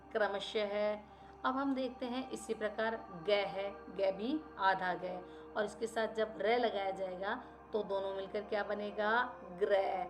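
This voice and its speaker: A woman gives a grammar lesson at an unhurried, careful pace, laying out example words one after another. She poses questions and answers them herself. Her voice sits at an ordinary middle pitch over a faint hiss of background noise. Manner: slow, deliberate explaining with listed examples and self-answered questions. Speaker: teacher.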